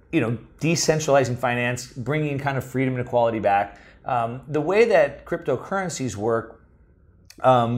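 A man hosting a podcast interview at a conference, friendly and chatty, with plenty of "um" and "so". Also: mid-range voice. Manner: friendly, chatty, many "um" and "so" fillers. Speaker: podcast host. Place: conference venue.

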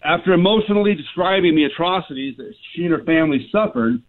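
A man's voice: fairly high pitch, lively intonation, quick pace. Earnest man on a tinny phone line. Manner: earnest, lays out numbered points with many "you know" fillers. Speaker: guest, small business owner. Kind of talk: phone-in radio interview. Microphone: telephone.

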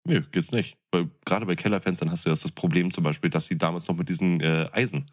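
A man in his thirties co-hosts a podcast, chatting casually in a blunt, colloquial way. His voice is low, his intonation fairly even, and he talks fast.

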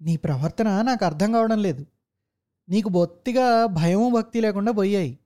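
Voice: mid-range voice, lively intonation, moderate pace, mellow, natural voice. A narrator voicing a stern office manager. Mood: angry scolding. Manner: scolding, commanding. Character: stern middle-aged male office manager, quick-tempered.

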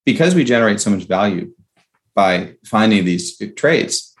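A man's voice: on the low side, lively intonation, moderate pace. A man speaking as a startup founder in a conversational interview, explaining step by step and checking in with "right?" and "okay?".

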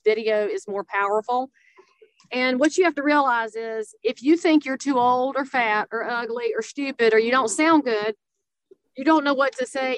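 A woman's voice: a little high, fairly bright tone, dry recording, low-quality recording. A woman with a Southern American accent giving conversational coaching in a blunt, folksy, emphatic way. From Southern United States. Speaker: social media coach for realtors, guest.

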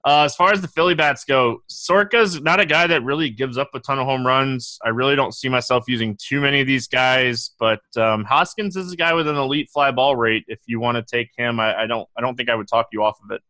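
A man co-hosting a casual sports podcast, his voice bright and forward. He talks in a halting, filler-heavy way and often restarts his sentences. The recording is dry and close, with no room sound. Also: medium pitch, no echo. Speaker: co-host.

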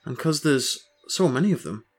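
Man acting excitable scheming farmer husband. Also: a little high, normal speed, slightly rough, faint music behind. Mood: eager, explaining. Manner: excitable, grandiose, rambling enthusiasm. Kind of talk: audio story acting.

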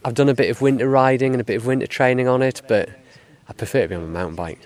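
A man who rides endurance bike races, answering interview questions in a modest, relaxed way and rambling loosely with casual fillers. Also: medium pitch, very fast.

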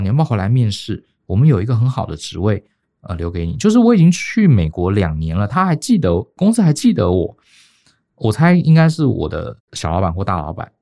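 Taiwanese guy on a podcast telling work stories, lowish voice that jumps around a lot, lots of little pauses. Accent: Taiwanese Mandarin. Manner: lively, often pausing on "好" and "呃". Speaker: podcast co-host. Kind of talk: casual career storytelling.

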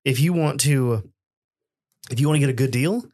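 A man's voice: medium pitch, normal speed, darkish tone, no room sound, studio quality. Laid-back man telling stories on a podcast. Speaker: podcast host. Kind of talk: casual chat. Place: small studio. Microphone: studio microphone.

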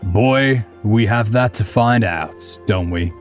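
Man doing a gruff old swordsman. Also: on the low side, slow, soft background music. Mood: gruff easy. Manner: laughing, blunt, calls others boy. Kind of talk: audiobook character voice.

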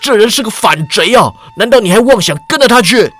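A man voicing a domineering old male eunuch lord who scolds sternly, his voice rising high when angered. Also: sing-song, unhurried, fairly bright tone, dry recording, full character voice. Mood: angry, scolding.

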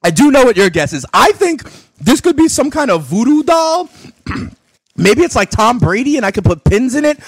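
A man's voice: extremely high pitch, normal speed, slightly rough, no echo. A young man hosting a fantasy sports radio show, chatting casually and animatedly while opening gifts. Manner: animated, exclaiming, talks with mouth full.

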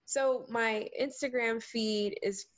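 A young Southern American woman, a guest talking casually and animatedly in an interview, with quick rants. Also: fairly high pitch, fairly even intonation, no room sound. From United States. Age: young adult.

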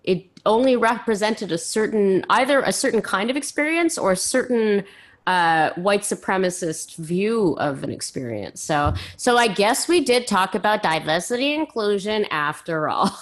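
Mid-pitched woman hosting an informal chat. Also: animated, normal speed. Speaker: podcast host. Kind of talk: casual chat.

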